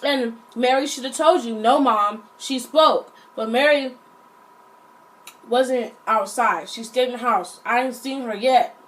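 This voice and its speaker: Young woman, high voice, animated storytime vlog, lots of slang. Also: a little slow, poor audio. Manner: animated, slangy, acts out quotes. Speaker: vlogger. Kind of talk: casual storytime.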